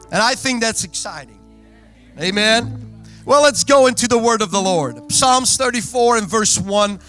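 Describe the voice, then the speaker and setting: A man's voice: high-pitched, expressive, unhurried, faint music behind. A man in his thirties from Belgium, a native Dutch speaker with a Belgian accent, preaching an earnest sermon as a guest pastor. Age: 30s. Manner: earnest preaching, warm asides to the congregation. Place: church sanctuary.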